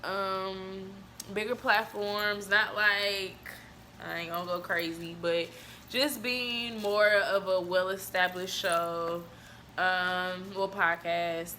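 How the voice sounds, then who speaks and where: A young woman in her twenties co-hosting a podcast, telling stories in lively casual chat and laughing often. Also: mid-range voice, takes it slowly, slight background noise. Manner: animated storytelling, laughs often. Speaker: podcast co-host.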